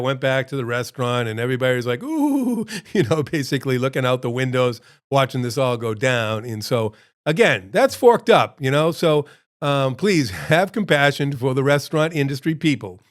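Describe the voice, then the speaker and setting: A man at an ordinary, middle pitch tells a story in a loose, rambling way. He jumps sharply upward when he acts out what people said, then drops back into casual chatter. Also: smooth. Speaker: restaurant owner and show host.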